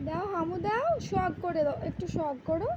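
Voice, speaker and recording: A woman coaxing and teasing a baby in a high singsong voice at home. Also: normal speed, lo-fi sound, heavy background noise. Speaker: parent talking to a baby. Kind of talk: baby talk.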